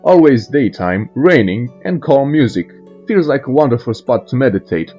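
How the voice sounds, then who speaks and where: A man narrates video game lore with a very lively, swinging intonation and irreverent asides. His voice is mellow and somewhat muffled, with faint music behind it. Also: mid-range voice. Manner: irreverent, storytelling. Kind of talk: scripted narration with joking asides.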